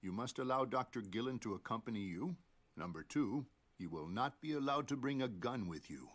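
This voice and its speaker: An actor playing a firm, protective man of authority in an anime dub, stern and measured. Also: medium pitch, expressive, close to an everyday voice. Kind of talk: anime dub drama acting. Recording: clear background noise.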